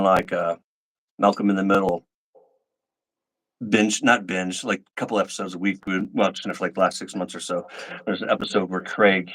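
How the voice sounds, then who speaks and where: A man's voice: fairly low pitch, poor audio. A middle-aged man casually telling stories to his livestream viewers, acting out the people he quotes. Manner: animated, acts out quoted lines. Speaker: livestream host. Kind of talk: casual storytelling chat.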